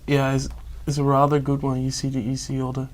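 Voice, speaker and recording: A man's voice: mid-range voice, monotone, brisk, darkish tone, slight background noise. A young man, an exam candidate talking hesitantly and searching for words. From Netherlands. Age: young adult. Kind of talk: spoken exam discussion.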